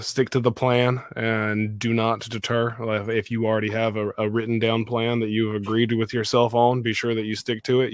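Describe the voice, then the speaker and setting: A Texan man chats on a livestream, slangy and excitable. His voice is deepened after a recent illness. The sound is dry and close to a studio mic. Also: dry recording. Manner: excitable, slangy, greets chat loudly. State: deep voice after being sick. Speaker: host. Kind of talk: casual livestream chat. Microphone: studio mic with audio interface.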